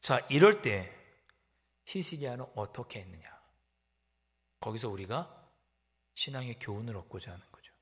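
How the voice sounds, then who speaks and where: A man's voice: mid-range voice, big pitch swings, moderate pace, pauses often. Dramatic preaching man in a reverberant church. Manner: dramatic preaching that swings from loud exclaiming to hushed, whispered asides. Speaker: pastor. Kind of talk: sermon. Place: church sanctuary. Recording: long church hall reverb.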